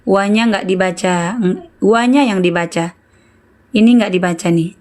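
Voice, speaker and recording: A woman's voice: mid-range voice, a little slow, darkish tone. A woman teaching Quran recitation in an online lesson, patiently correcting students and repeating syllables to model how they should sound.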